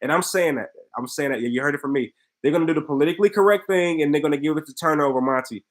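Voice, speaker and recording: Chatty man with a higher voice. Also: racing, rough recording. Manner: chatty, frank, reads comments aloud and answers. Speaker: podcast host reading viewer comments. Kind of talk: casual live-stream chat.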